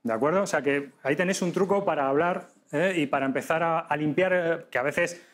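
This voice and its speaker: A man teaching a live podcasting workshop to an audience, lively and demonstrative, often checking in with quick questions. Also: fairly high pitch. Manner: lively, demonstrative, addresses audience directly with frequent tag questions.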